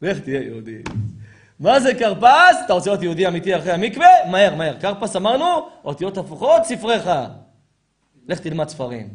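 High, animated preaching rabbi, a man. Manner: animated, fires rhetorical questions and answers them himself. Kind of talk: lively sermon to a live audience.

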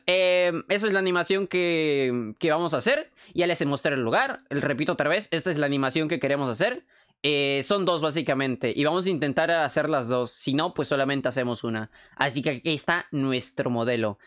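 A young man with a Mexican accent, chatting fast and excitably on a livestream, swearing freely while showing how he works. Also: a little high. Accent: Mexican Spanish. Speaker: streamer. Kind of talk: casual livestream chat.

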